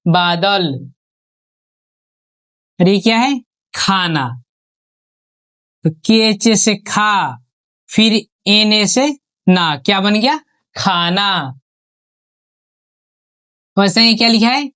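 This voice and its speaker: Slow, syllable-stretching woman teacher. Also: a bit bright. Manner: asks questions and answers them herself, stretching out each syllable; dropping pitch on each finished word. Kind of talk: online spelling lesson.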